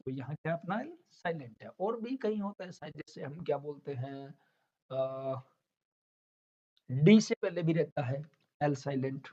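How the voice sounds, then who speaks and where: A male English teacher gives a classroom lesson in a fairly high voice. He explains step by step, asking questions and then answering them himself. The recording sounds dull and lo-fi. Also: lively intonation, unhurried, long pauses, warm tone.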